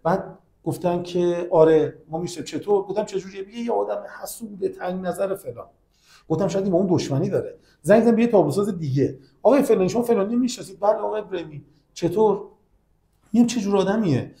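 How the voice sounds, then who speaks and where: A man's voice: sits high, vocal fry, dark tone, reverberant. A man, a podcast guest, earnestly retelling a long grievance in conversation. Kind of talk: conversational storytelling.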